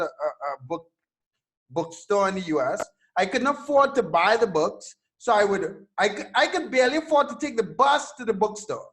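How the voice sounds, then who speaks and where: With a notably high voice, this Trinidadian guest entrepreneur in his thirties recounts his story during an interview. He's animated and relaxed, letting curses slip and tripping over repeated words.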